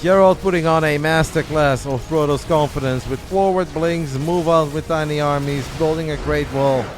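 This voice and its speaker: A man casting a strategy game match alone, giving chatty, excitable play-by-play that speeds up and slows down with the action. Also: on the high side. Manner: chatty, excitable, says mate and guys. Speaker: esports caster. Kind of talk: solo play-by-play commentary. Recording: game music clearly behind the voice.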